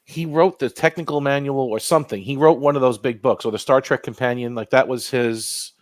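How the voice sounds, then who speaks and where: A man's voice: mid-range voice, a little fast, no echo. A man co-hosting a casual watch-along chat, laughing easily and chatting loosely. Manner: laughs easily, chatty, looks things up aloud. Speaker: podcast co-host. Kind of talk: casual riff-track banter.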